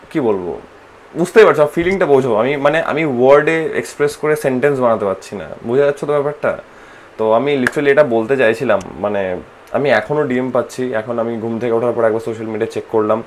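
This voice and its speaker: A man with a Bengali accent vlogging at home, talking slowly and softly to save energy, tired from a fast, dropping English phrases into his speech. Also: mid-range voice, a little hiss or hum. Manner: slow, soft-spoken, mixing English phrases into speech. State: tired and low on energy from fasting. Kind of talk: casual vlog narration. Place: home, indoors.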